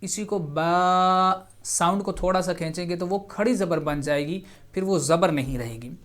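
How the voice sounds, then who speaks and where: Patient, higher-voiced man teaching Quran reading. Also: fairly bright tone. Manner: patient, repeats each point, drawing out sounds slowly. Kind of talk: televised Quran reading lesson.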